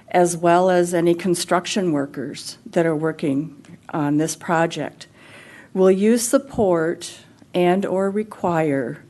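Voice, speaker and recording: Woman resident, formal public comment, measured delivery, warm low tone. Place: city council chamber.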